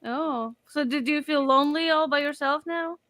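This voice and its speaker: A woman's voice: sits high, normal speed, a bit bright. A woman co-hosting a casual podcast chat, interjecting and pushing back. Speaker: podcast co-host.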